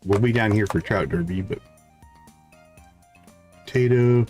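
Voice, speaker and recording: With faint music behind him, a gamer livestreams and talks to his audience in short, casual fragments as he thinks aloud. He speaks a little slowly, in a low, slightly mellow voice with a slight catch in the throat.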